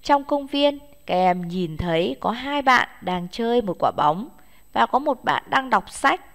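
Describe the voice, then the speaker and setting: Slow, patient Vietnamese teacher woman. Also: medium pitch, sing-song, fairly bright tone, long reverb tail. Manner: patient, repeats each word twice, coaxing. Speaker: English teacher. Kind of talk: slow classroom instruction for young children.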